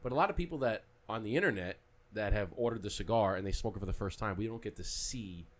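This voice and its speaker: A man's voice: on the low side, fast talker. A man hosting a podcast, chatting casually and earnestly encouraging his guest. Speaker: podcast host. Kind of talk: casual conversation.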